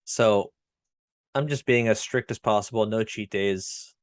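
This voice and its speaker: Podcast co-host, male, low-pitched, blunt and self-deprecating, dry close mic. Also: measured pace, dry recording. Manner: blunt, self-mocking, swears casually. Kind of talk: casual chat.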